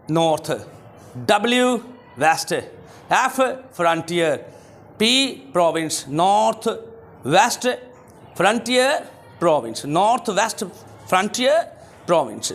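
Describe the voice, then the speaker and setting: A man with a Pakistani accent teaching a school English lesson, repeating each phrase slowly and reading English lines deliberately. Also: high-pitched, a bit bright. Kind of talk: exam-prep lesson for schoolchildren.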